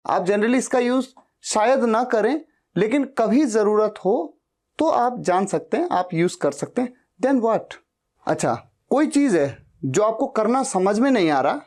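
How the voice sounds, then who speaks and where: A woman's voice: medium pitch, a little mellow. A woman teaching spoken English in Hindi, explaining each phrase and repeating the example sentences aloud. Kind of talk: Hindi-language English lesson.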